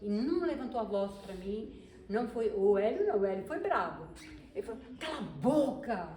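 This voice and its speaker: A woman's voice: mid-range voice, very animated, a little fast, dark tone. A woman telling a personal story casually to a group, chatty, with restarts and acted-out quotes. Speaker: participant sharing a story. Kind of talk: casual anecdote in a group talk. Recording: echoey room with background noise.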